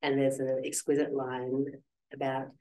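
Seated on a small stage in a lecture room, an author from Western Australia speaks gently and reflectively about her writing, introducing a reading in a literary conversation; her soft, quiet, Australian-accented voice is also rumbling low, monotone and unhurried, with many small ums. She holds a handheld mic at chest level, and the hall adds a roomy echo.

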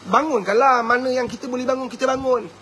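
A man in his fifties with a Malaysian Malay accent, giving a fervent, preachy live talk as a motivational speaker and answering viewer questions, at times breaking into shouts. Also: very high voice, fast, slight background noise.

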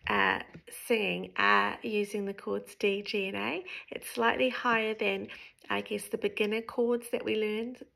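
A woman's voice: mid-range voice, gravelly, a bit bright, rough recording. A woman, teaching ukulele in a friendly, encouraging way from her living room, recorded close on a phone. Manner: friendly, encouraging, explains while strumming. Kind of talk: spoken tutorial between songs. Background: ukulele strumming.

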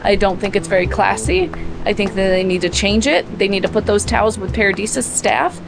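A woman's voice: mid-range voice, a little fast, vocal fry, noisy background. A woman in her thirties vlogging outdoors by a resort pool, frank and mildly complaining, filmed on a camera at arm's length. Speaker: travel vlogger. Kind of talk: casual vlog chat. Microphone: handheld camera at arm's length. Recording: music bed underneath.

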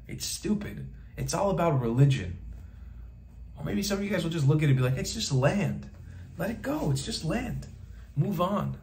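A travel vlogger with a dark-toned, mid-range voice speaks emphatically straight to camera from a small indoor bedroom. His monologue is impassioned, and he repeats phrases for rhetorical effect while gesturing with his hands.

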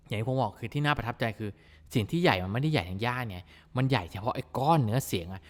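A man teaching vocal mixing in a casual, excitable way, breaking into amazed exclamations as he demonstrates a plugin. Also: mid-range voice, rapid-fire, long reverb tail. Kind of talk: plugin tutorial explanation.

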